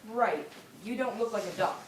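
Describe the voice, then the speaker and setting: A woman's voice: medium pitch, moderate pace, lightly acted. A woman playing a cheeky, dim, literal-minded minder in a stage comedy. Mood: matter-of-fact. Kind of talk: live stage comedy acting. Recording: echoey stage, distant mic, clear noise.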